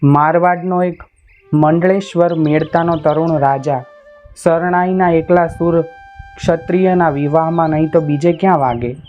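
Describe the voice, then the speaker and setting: Higher-voiced man reading a folk tale. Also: steady tone, a little mellow. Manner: measured, poetic reading. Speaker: storyteller. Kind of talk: dramatic folk-tale narration. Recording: dull lo-fi recording with faint instrumental music.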